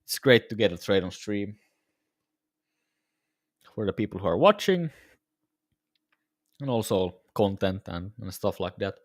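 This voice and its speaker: A man's voice: fairly low pitch, sing-song, a little slow, long pauses, dry recording, clean studio sound. A tired man casually talking to viewers during a live trading stream, his voice a little worn. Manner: laid-back, musing, talks to viewers. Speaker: day-trading livestreamer.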